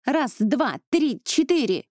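A woman reading an audiobook, voicing a brash young female cadet who shouts a marching chant. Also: high voice, very animated, takes it slowly, no echo, clean studio sound, voice pushed up, exaggerated voice. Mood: rowdy.

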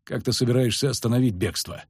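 A man voicing a grim middle-aged male witcher who speaks low and clipped through gritted teeth, in an audiobook. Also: fast, darkish tone, breathy edge, no room sound, clean studio sound.

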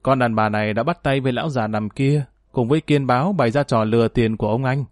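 A man's voice: medium pitch, fast talker, no room sound, clean studio sound, close to an everyday voice. Man voicing smug cruel gang boss. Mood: smug taunting. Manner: smug, falsely polite taunting. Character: sly cruel male gang boss, mocking.

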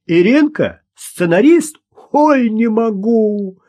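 A man voicing a brash, mocking young man who jeers and shouts in an audiobook. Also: on the high side, big pitch swings, a little slow, husky, voice pushed up, exaggerated voice. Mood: jeering. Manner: jeering, shouting, cackling. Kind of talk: audiobook character voice.

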